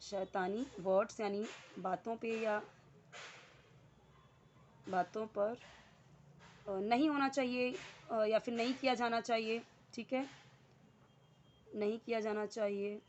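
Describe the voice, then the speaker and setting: Woman, English lesson host, fairly high voice, patient step-by-step explaining, repeats words. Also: fairly even intonation, slow pace, long pauses, a little mellow, muffled recording, slight background noise. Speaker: English teacher. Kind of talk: casual Hindi English lesson.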